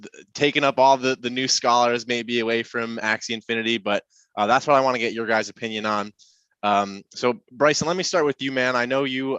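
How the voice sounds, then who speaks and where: A man with a fairly low voice and a bright, forceful edge leads a casual podcast conversation. He rambles easily, piling up fillers and restarts. His voice sounds dry, with no room echo around it. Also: clear, resonant tone, dull audio. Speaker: podcast host. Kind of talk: casual chat.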